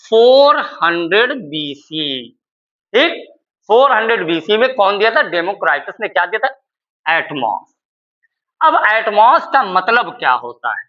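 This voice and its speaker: A man's voice: high-pitched, sing-song, moderate pace, sharp tone, lo-fi sound. A male chemistry teacher giving a classroom lecture, dictating notes word by word and answering his own questions with repeated key words.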